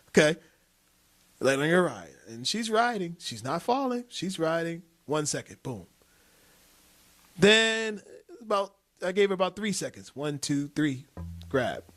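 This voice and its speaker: A man's voice: a little high, fairly bright tone. A man hosting a motivational talk show, telling a personal story with emphatic repetition and frequent laughs. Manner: emphatic, repeats key phrases, laughs often. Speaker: host, motivational speaker. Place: TV studio set.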